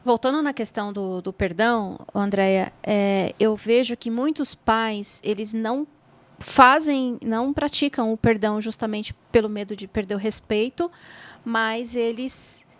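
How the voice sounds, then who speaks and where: A woman's voice: on the high side, steady tone, measured pace. A woman hosting a podcast interview, agreeing often and following up with her own points. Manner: affirming, adds brief agreeing remarks. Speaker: podcast host. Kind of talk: casual interview talk.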